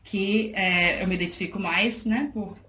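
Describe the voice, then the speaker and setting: A woman's voice: mid-range voice, fairly even intonation, a little slow, sharp tone. A woman in her thirties from Salvador, Brazil, giving a thoughtful interview with frequent restarts. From Salvador, Bahia, Brazil. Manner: thoughtful, many fillers and restarts, laughs easily. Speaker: guest, charity project worker. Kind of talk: casual interview talk. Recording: echoey room, faint noise.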